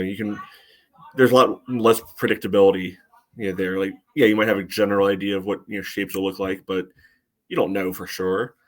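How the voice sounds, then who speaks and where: A deep-voiced American man talks through soccer in a relaxed podcast style, his delivery flat with little rise or fall. He reasons out loud, leaning on "you know" as he works through his points.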